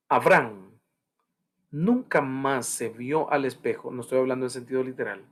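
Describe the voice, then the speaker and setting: A man preaching a sermon in church, building to fervent questions and jokes for the congregation. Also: medium pitch. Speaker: pastor.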